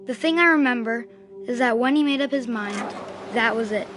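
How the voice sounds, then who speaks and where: A woman's voice: on the high side, normal speed, lightly acted. Woman as reflective child, wistful scripted narration, video game story, music underneath. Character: child remembering a lost, stubborn twin brother, wistful.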